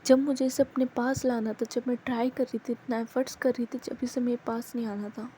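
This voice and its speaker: Casual female storyteller, fairly high and mellow, relaxed spoken narration with frequent self-corrections. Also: brisk, slight background noise, rough recording. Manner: mixes English words into speech, frequent self-corrections.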